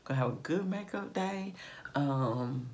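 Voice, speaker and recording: A beauty vlogger talks her viewers through a makeup tutorial in a slightly raspy morning voice that is low-pitched, animated, a little slow, and a little mellow. Her chat is casual, full of fillers and asides to her audience.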